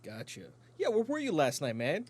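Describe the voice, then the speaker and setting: A man's voice: on the high side, huge pitch swings, normal speed, slightly rough. A man hosting a casual podcast chat, joking and laughing often, rambling with restarts. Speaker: podcast host.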